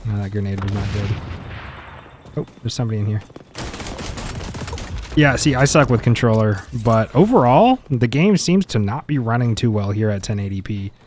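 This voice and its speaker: A man's voice: lowish voice, animated, moderate pace, long pauses, background noise. A man giving casual, opinionated gameplay benchmark commentary, chatty and mildly exasperated. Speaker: gaming content creator.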